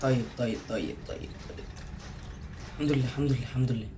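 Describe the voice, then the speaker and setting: Egyptian guy yelling his way through a horror game, quick mouth, faint game sounds behind. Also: mid-range voice, fairly even intonation, noisy background. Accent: Egyptian Arabic. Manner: jumpy, panicky outbursts, talks to himself. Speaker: gaming YouTuber. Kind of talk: horror game playthrough commentary.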